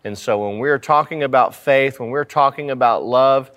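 Man, mid-pitched voice, pastor preaching, scripture teaching, repeated phrases, rhetorical questions. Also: normal speed, a bit bright. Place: church sanctuary.

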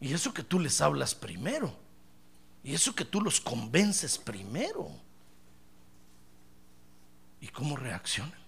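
Gravelly, high-voiced male preacher. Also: very animated, takes it slowly, pauses often, fairly bright tone. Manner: emphatic, keeps calling out to listeners. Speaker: pastor. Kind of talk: sermon.

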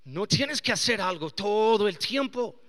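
A male pastor preaching a sermon at a church service, animated and often rising to shouts. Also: sits high, measured pace.

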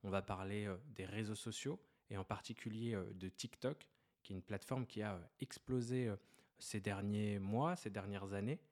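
A man's voice: on the low side, moderate pace, darkish tone. A man hosting a podcast, reading a scripted intro and then asking questions with frequent hesitations. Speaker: podcast host.

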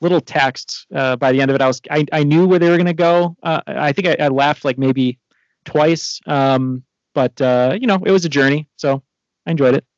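Give me a halting, self-deprecating man on a muffled video call. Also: on the high side, dry recording. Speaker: podcast co-host. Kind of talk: casual anecdote.

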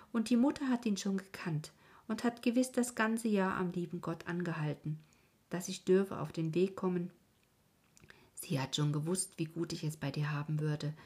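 A woman voicing an eager, wonder-struck little orphan girl who speaks softly and earnestly, in a storybook reading. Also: on the low side, husky.

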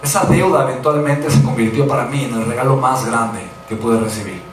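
A Mexican man giving a motivational talk, telling a story with lively tag questions and acting out the people he quotes. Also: medium pitch, a little fast, a crowd in the background. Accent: Mexican Spanish. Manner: animated, acts out quoted voices, frequent tag questions. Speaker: motivational speaker. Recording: echoey hall from far off.

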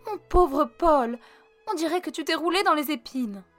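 A woman's voice: sits high, expressive, moderate pace, faint music behind, pitched above the performer's own voice. A woman voicing a mother who exclaims and scolds in a reproachful tone. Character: fussing mother, scolding aunt.

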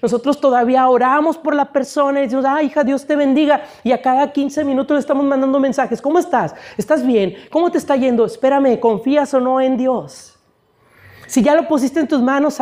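A man's voice: high voice, darkish tone. A male pastor preaching a sermon to his congregation, calling them brothers, at times pleading and crying out. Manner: preaching with rising, pleading intensity, addressing listeners as brothers.

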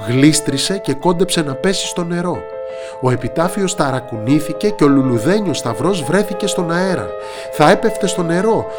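A man narrating a children's storybook with expressive delivery. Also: a little high. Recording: narration over soft instrumental music.

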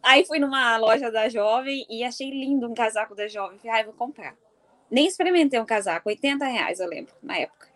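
A woman from do Sul, casually telling a personal story in an animated way and laughing often. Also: fairly high pitch, brisk. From Mato Grosso do Sul, Brazil. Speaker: football fan.

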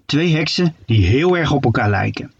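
A male storyteller reading a children's tale with a lively, playful lilt. His voice is husky and somewhat high, and it comes across dull and muffled. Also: normal speed. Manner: playful, expressive storybook narration.

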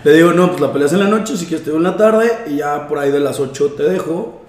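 A young man with a Mexican accent, relaxed and slangy, telling a story in a casual podcast chat. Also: fairly high pitch, quick pace. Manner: relaxed, slangy, recounts with quoted dialogue. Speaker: podcast co-host. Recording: roomy echo.

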